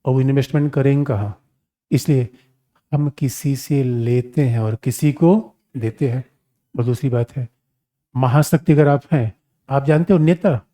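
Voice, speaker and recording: A male teacher with a warm, mellow, mid-range voice delivers a lively exam-prep lecture. He's animated and conversational rather than formal, speaking like a familiar elder who calls the class "my children" and fires rhetorical questions at them.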